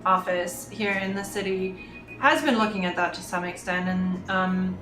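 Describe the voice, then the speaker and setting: A woman's voice: mid-range voice, steady tone, normal speed, music in the background. A woman reporter explaining news in casual chat, thoughtful and hesitant with frequent ums. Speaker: business reporter, guest. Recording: echoey room, faint noise.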